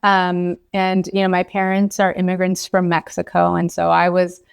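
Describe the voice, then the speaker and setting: A woman's voice: fairly low pitch, completely flat delivery, normal speed, vocal fry, clear, resonant tone. A woman from Los Angeles in her thirties, a physician guest talking in a casual, hesitant way full of ums, likes and you knows. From Los Angeles, California. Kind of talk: casual podcast conversation.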